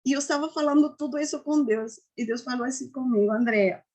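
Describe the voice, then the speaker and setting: A woman giving an earnest personal faith testimony, often halting and restarting. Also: sits high, mellow. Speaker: testimony giver.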